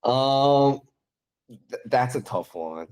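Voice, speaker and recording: A young man from Taiwan, a designer guest on a podcast, chatting casually in a soft, hesitant way with many fillers. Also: mid-range voice, animated, drawn-out words, clear, resonant tone. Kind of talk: casual interview chat.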